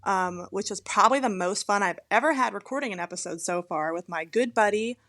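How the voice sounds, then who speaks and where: A woman's voice: mid-range voice, a little fast, a bit bright. A woman co-hosting a podcast as a police officer, casual and teasing, swearing freely. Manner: blunt, profane, teasing.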